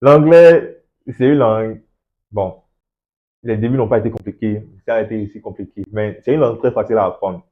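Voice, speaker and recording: A man's voice: fairly low pitch, a little fast. A man hosting an English-learning channel, giving a motivational talk straight to the viewer, encouraging and full of rhetorical questions, repeating words to stress a point. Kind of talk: motivational talk to camera, addressing the viewer directly. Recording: slightly dull, lo-fi sound.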